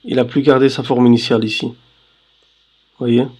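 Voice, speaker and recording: A man teaching Arabic letters in a slow voice-over lesson, patiently checking understanding and drawing out syllables. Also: medium pitch, level tone, a little mellow. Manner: drawls syllables slowly for demonstration. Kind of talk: slow screen-recorded lesson.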